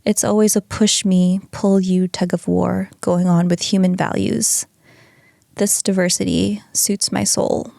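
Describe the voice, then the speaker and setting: A woman voicing a hypnotized male patient who calmly reflects on his soul's choices, reading from a printed script. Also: medium pitch, a little slow, gravelly, no room sound, studio quality. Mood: reflective. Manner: calm, reflective answers read from a script.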